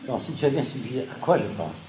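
A man giving a lively seminar lecture, pausing with frequent asides and restarts. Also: medium pitch. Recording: echoey room with background noise.

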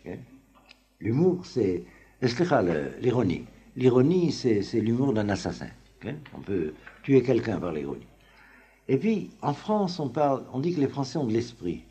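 A man teaching a class on the Talmud in an informal, halting lecture full of fillers and restarts. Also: medium pitch, mellow. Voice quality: very husky voice. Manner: halting, many fillers and restarts, chuckles often.

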